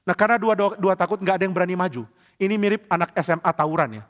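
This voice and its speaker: Casting: lively, high-voiced male preacher, playful storyteller, long reverb of a church hall. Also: very fast. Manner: animated, playful, with colloquial asides and sound effects. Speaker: pastor. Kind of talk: storytelling sermon. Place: church service.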